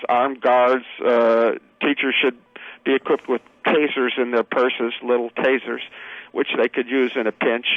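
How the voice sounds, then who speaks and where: A man guest on a radio show, speaking over the phone in an earnest, halting way with many fillers. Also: mid-range voice, dry recording, lo-fi sound. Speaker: political candidate guest.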